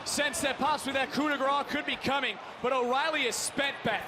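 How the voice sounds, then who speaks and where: A man working as a lead wrestling commentator, calling the action live in dramatic, shouted, short phrases. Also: very high-pitched, fairly even intonation, fairly quick. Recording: loud arena noise.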